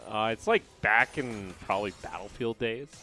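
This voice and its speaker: A man's voice: fairly low pitch, moderate pace, sharp tone, soft background music. A young man casting a live esports match, chatting casually with his co-caster.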